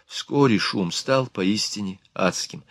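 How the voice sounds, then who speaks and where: A man narrating an audiobook in a steady, expressive reading. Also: lowish voice, takes it slowly, no echo, clean studio sound. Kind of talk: scripted narration.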